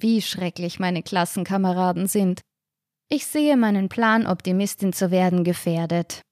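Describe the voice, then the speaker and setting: A woman reading a first-person storybook aloud in a lively, wry way. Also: medium pitch, no room sound, studio quality. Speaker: audiobook reader.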